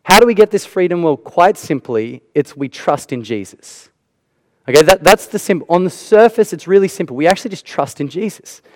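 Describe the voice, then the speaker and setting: A man's voice: sits high, expressive, moderate pace, no echo. A man preaching a sermon in an earnest way, repeating phrases for emphasis. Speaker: pastor.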